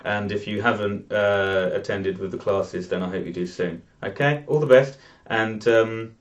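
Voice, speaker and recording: A man hosting a live online drawing class, talking in a relaxed, rambling way with many fillers, over dull video call audio. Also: fairly low pitch, normal speed. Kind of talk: casual live class introduction.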